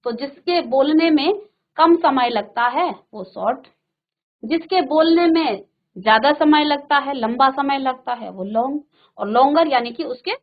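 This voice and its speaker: A woman's voice: sits high, lo-fi sound. A woman teacher giving a classroom lecture, explaining patiently and repeating her points with simple examples. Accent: Hindi speaker from North India. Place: virtual classroom studio.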